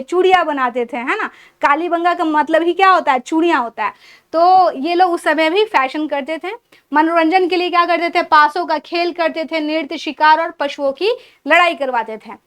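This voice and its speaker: High-voiced woman teaching a lecture. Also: a bit bright. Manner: explanatory, asks and answers her own questions; lists items one by one. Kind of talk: exam-prep history lecture.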